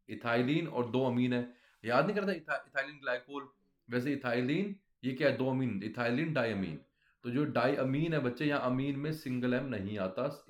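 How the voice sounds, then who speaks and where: A man teaching a chemistry class, explaining step by step and often quizzing his students. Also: medium pitch. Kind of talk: classroom lecture.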